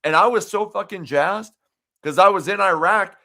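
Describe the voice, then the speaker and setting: A man in his forties speaks over a video call as a guest. His voice sits a little high and has a bright, sharp edge. He rambles through casual chat and swears freely. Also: normal speed, vocal fry.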